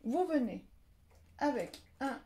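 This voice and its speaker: This woman's mellow voice sits high and is animated, though she speaks slowly, with slight background noise behind her. Guiding viewers through a casual papercraft tutorial, she rambles, trips over words, corrects herself, and both scolds and coos at her cat between steps.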